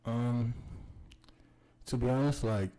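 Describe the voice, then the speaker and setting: A man's voice: medium pitch, slow pace, dark tone, clear, resonant tone. A man speaking as a guest in a casual chat, laid-back and reflective. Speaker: rapper, guest. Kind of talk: casual conversation.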